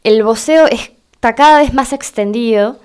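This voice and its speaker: A woman with an Argentine Spanish accent giving a slow, deliberate explanatory lesson, spelling things out for her listeners. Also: on the high side, darkish tone, smooth. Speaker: Spanish teacher.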